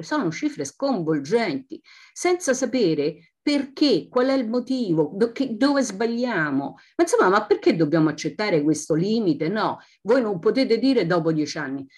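Woman in her sixties, lowish voice, indignant, rhetorical questions, unscripted video-call remarks. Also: a little mellow, breathy edge. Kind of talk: spontaneous opinion in online discussion. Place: dim room at home, video call.

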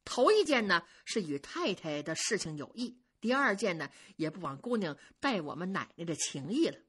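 A woman storyteller voicing a sharp-tongued young female head maid who scolds the servants briskly and commandingly. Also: on the low side, sing-song, slightly rough, full character voice. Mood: placating.

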